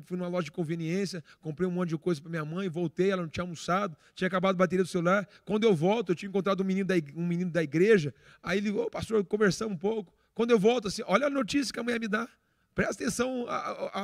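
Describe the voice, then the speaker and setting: A Brazilian pastor preaches in a quick, high-pitched voice and tells personal stories with lively acted-out dialogue. The sound is dry and close, with no room echo. He is middle-aged and animated. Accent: Brazilian Portuguese. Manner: animated storyteller, acts out dialogue, frequent restarts. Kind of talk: sermon with personal storytelling.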